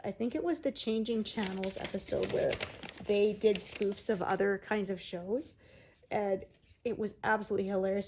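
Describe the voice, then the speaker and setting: A woman's voice: mid-range voice, creaky, mellow. A woman hosting a cross-stitch video, chatting casually as she works, rambling with fillers and laughing often. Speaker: crafting video host.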